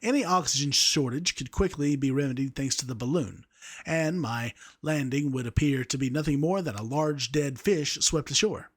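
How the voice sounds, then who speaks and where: A man's voice: mid-range voice, normal speed. A young man reading a story aloud, amused by the text he narrates. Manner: amused, breaks off to laugh at the text.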